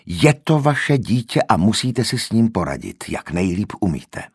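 A man's voice: on the low side, big pitch swings, slightly rough, no echo, clean studio sound, heavily acted. A man voicing a stern hospital nurse who speaks firmly and insistently. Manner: stern, firm.

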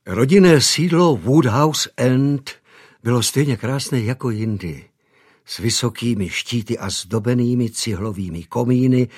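A man reading an audiobook as narrator, measured and expressive. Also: mid-range voice, slightly rough. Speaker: audiobook reader. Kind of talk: scripted narration.

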